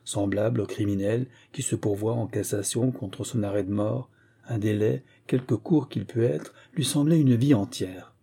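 A man reading a classic novel aloud as an audiobook narrator, in a measured, grave way. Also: fairly low pitch, creaky, warm tone, slightly rough. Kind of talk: scripted literary narration.

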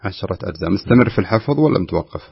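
A man's voice: lowish voice, expressive, racing, vocal fry, breathy edge, dry recording, lo-fi sound. A man coaching a caller's Quran recitation on the radio, correcting and demonstrating verses aloud.

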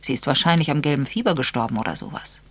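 A woman voicing a lively, curious young woman who speaks quickly and with spirit. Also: very deep voice, slightly rough, no room sound, exaggerated voice.

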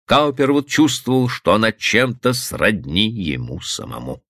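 A man narrating a novel aloud with expressive storytelling. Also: fairly low pitch, measured pace, no echo, clean studio sound. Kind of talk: audiobook narration.

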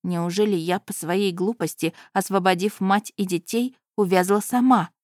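A woman narrating a first-person audiobook in a measured, expressive storytelling manner. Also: mid-range voice, dry recording, studio quality.

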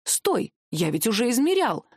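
A woman's voice: on the high side, very animated, moderate pace, darkish tone, slightly rough, no echo, clean studio sound. A woman voicing a bustling, kindly little shoemaker who mutters and fusses. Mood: fussy.

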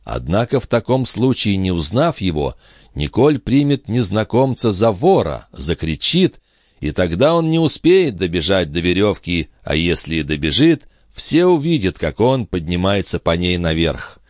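A man narrating an audiobook with expressive, lively delivery. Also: low voice, moderate pace, no room sound, clean studio sound. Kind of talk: scripted narration.

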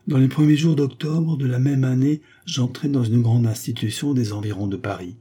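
A man's voice: lowish voice, warm tone, slightly rough. A man reading a sorrowful young accused woman. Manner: sorrowful, then firm. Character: young woman accused of a crime, melancholy, proud.

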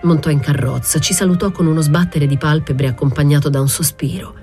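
A woman reading a novel aloud as scripted literary narration, in a measured, even way. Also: sits low, soft background music. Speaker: audiobook reader.

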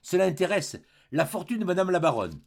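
A man's voice: sits high, very animated, fairly quick, vocal fry, pitched above the performer's own voice, exaggerated voice. A man voicing a scheming, greedy older man who wheedles and insinuates in an audiobook. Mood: sly.

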